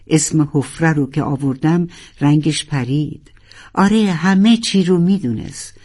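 A storyteller voicing a young narwhal who desperately shouts and pleads for its father. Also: medium pitch, natural voice. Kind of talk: storybook character voice.

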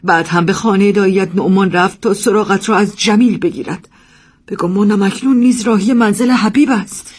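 Man putting on a high-pitched middle-aged mother, stern and anxious, husky, heard from a distance, storybook voice. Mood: distressed. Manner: pleading, then firm and resolute.

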